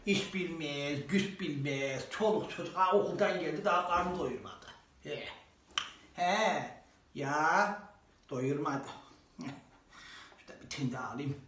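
A performer playing a grumbling old village mother-in-law in a comic sketch, low and drawling. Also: slow pace, pauses often, fairly bright tone, distant mic, slight background noise. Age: older. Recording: roomy echo.

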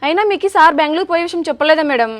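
A woman's voice: high-pitched, animated, very fast. A woman acting as a chatty, polite office worker in a comic sketch. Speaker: office employee in a comedy skit.

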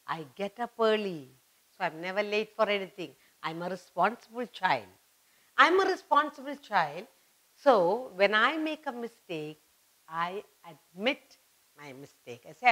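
With a medium-pitched, slightly bright voice, a middle-aged Indian-accented woman teaches little children from an indoor studio whiteboard. Her delivery is emphatic, built on simple repeated phrases and questions, though the audio is poor.

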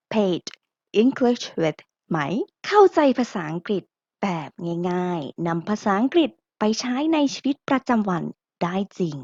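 A woman's voice: mid-range voice, no echo, lo-fi sound. A woman teaching an English lesson, drilling pronunciation and having listeners repeat after her.

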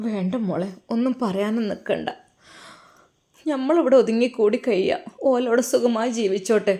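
A woman voicing a grieving elderly mother who speaks softly and tearfully, with a Malabar Malayalam accent. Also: a little high, normal speed, close to an everyday voice. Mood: resigned. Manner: soft, tearful and pleading.

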